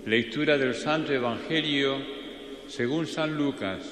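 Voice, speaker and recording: A man, reading the gospel aloud at Mass in a solemn, measured way, with a cathedral echo around his voice. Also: medium pitch, a bit bright. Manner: measured, deliberate, solemn phrasing. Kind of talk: slow, solemn liturgical reading. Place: large church. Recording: echoey church hall, distant mic, faint ambience.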